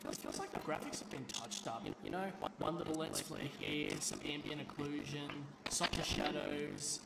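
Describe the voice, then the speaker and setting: A man's voice: a little high, sing-song, moderate pace, creaky, rough recording. A man voicing a cocky, foul-mouthed animatronic villain in a game, taunting and swaggering. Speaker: game character.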